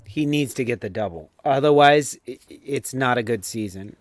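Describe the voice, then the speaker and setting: A man co-hosting a casual football chat, blunt and quick to swear. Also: mid-range voice, no room sound. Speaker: podcast co-host.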